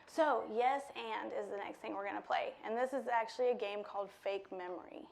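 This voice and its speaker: A woman leading an interactive workshop before a live audience, lively and playful, laughing often. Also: medium pitch, brisk, creaky. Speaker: workshop speaker. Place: lecture room with a live audience.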